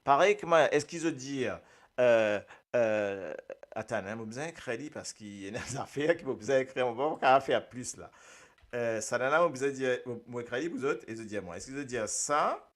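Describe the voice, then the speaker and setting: A man's voice: mid-range voice, expressive, moderate pace. A man with a Mauritian accent, hosting a casual radio talk about Creole words; he hesitates with many filler sounds, laughs often and speaks to listeners by name. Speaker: radio host.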